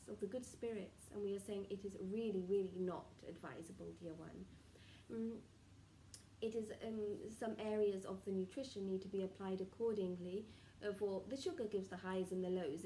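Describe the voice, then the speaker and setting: A woman speaking as a seance medium in trance, voicing benevolent spirit guides with formal, halting, stilted phrasing and murmured pauses. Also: medium pitch, mellow, close to an everyday voice. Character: solemn benevolent collective of spirit guides advising a client. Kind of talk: seance medium channelling, improvised spiritual counsel. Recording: roomy, distant mic with faint noise.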